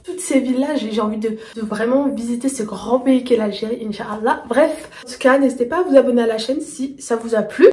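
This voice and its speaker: A woman's voice: a little high, a little mellow. A young woman chatting enthusiastically to her viewers in a casual vlog, talking them through things she picked up. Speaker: vlogger. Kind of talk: casual haul chat to camera. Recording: echoey room.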